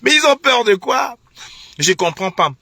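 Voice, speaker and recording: Indignant high-voiced man ranting. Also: sing-song, measured pace, bright, forceful tone, dry recording, studio quality. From Cameroon. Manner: indignant, repetitive, mocking laughs. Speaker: online political commentator. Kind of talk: heated live-stream rant.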